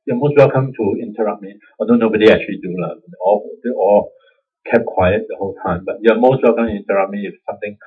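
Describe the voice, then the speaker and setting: A Buddhist teacher with a Singaporean accent gives an informal dharma talk, staying conversational and self-deprecating and chuckling often. His voice is fairly low and slightly rough, and he talks fast. The recording is dull and lo-fi.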